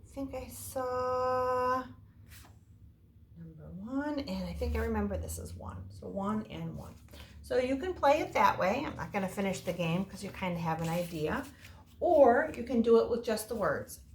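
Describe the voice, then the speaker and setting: A woman with a somewhat high voice speaks animatedly at normal speed, teaching young kids in an informal way with easy, everyday words. This indoor lesson and story time was recorded in an echoey room with faint noise.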